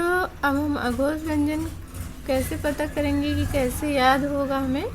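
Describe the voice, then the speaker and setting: A woman's voice: high-pitched, noisy background. A woman teaching a grammar lesson, explaining patiently and repeating each point step by step.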